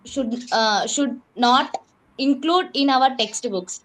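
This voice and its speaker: A woman's voice: sits high, takes it slowly, low-quality recording. A woman teacher with an Indian English accent answering questions carefully, with hesitant fillers, in a speaking practice session.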